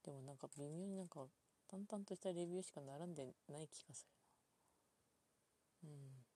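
A woman talking alone in a casual, rambling way, full of fillers, thinking aloud at her computer and drifting into quiet mumbles. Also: sits low, a little fast, breathy edge. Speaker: solo podcast host.

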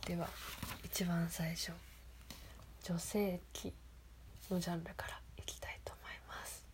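A woman who whispers softly as she reads passages aloud and comments on them, giggling often. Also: fairly low pitch, little pitch movement, measured pace. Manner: soft whispering, frequent giggles. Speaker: host of a reading segment.

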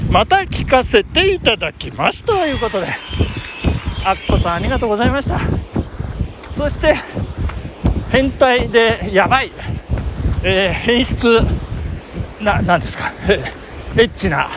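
High-pitched man chatting while running outdoors. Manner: talking while running, with controlled breathing; polite, chatty delivery with exclamations. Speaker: podcast host reading listener mail. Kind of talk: casual solo chat recorded on the move. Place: outdoors on the move along a road. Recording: windy outdoor recording with traffic noise.

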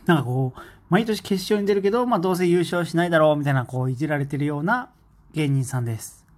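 A man's voice: on the high side, fast talker. A man talking casually on his own as a fan, rambling with many fillers and enthusiasm. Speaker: podcast host. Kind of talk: casual solo talk.

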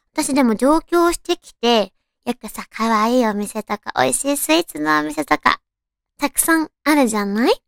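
A woman with a cute, girlish anime-like voice, chatting casually on her own as a radio talk host, with softly drawn-out phrasing. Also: a little high, creaky, dry recording, studio quality. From Tochigi, Japan. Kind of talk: casual solo chat.

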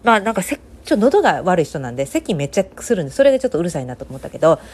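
A woman's voice: lowish voice, very animated, racing, a little mellow. A woman with a Kansai accent, hosting a casual solo talk segment, rambling and giving her opinions freely with many fillers. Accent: Kansai Japanese.

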